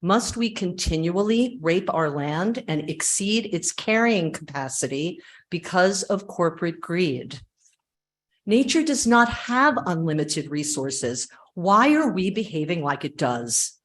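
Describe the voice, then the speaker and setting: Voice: medium pitch, lively intonation, a little slow, fairly bright tone. A resident reading an earnest, declamatory prepared statement as public comment at a city hearing.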